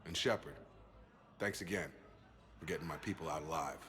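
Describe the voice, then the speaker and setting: A loyal former soldier in a video game, with a low voice. He talks informally and sincerely, upbeat and at ease with a friend. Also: a little fast, a bit bright. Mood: relaxed, warm.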